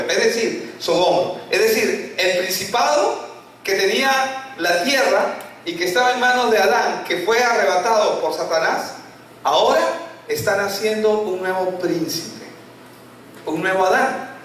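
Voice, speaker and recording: A male pastor preaching a sermon, full of rhetorical questions and falling low on key words. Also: a bit bright, a little hiss or hum. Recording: echoey church hall from far off.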